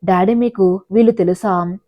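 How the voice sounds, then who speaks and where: A woman's voice: mid-range voice, fairly even intonation, moderate pace, dry recording, natural voice. A woman reading the part of a cheerful, eager young woman, a gangster's daughter, in a storybook reading, on slightly dull audio. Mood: pleading. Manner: eager, then pleading.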